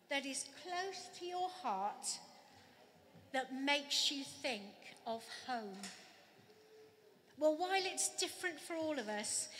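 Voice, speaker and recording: A Welsh woman pastor giving a gentle, reflective sermon at a candlelit carol service. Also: high voice, a little hiss or hum. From Wales. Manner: gentle, reflective, slow with pauses. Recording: long church reverb, faint ambience.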